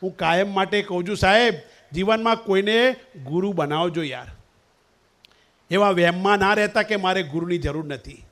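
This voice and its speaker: A man's voice: sits high, normal speed, a bit bright. A man giving a devotional sermon at a temple festival, chanting verses in a sing-song way and teasing the audience with questions. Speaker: swami preacher.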